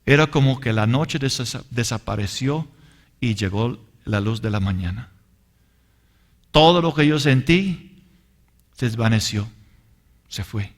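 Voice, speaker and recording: Guy preaching slow and earnest, calls everyone brothers, testimony-style sermon. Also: medium pitch, expressive. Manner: earnest, addresses listeners as brothers; deliberate and emphatic. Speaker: Bible teacher. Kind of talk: sermon teaching with personal testimony.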